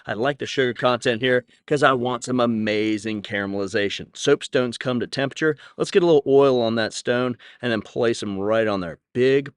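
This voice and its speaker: Brief: male chef host, mid-pitched, energetic and upbeat, demo-style delivery, dry studio-close sound. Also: no echo. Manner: energetic, upbeat, talks straight to viewers. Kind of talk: cooking demonstration.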